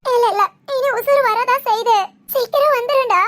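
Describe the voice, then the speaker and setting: A woman's voice: very high-pitched, normal speed, a bit bright. A woman playing a young pregnant wife who is overjoyed and weepy, crying and laughing as she talks. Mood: elated. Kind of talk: village family drama acting.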